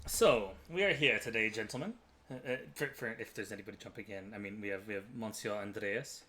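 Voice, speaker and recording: A man's voice: lowish voice, brisk, sharp tone, slight background noise. A man from Texas hosting a casual podcast, laid-back and hesitant, with frequent fillers. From Texas, USA. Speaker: podcast host.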